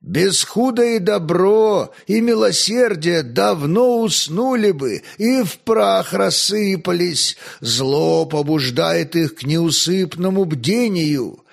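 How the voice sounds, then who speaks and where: Man voicing a stern ascetic old priest, slow, preaching, storybook narration. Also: sits high, expressive, creaky, heavily acted.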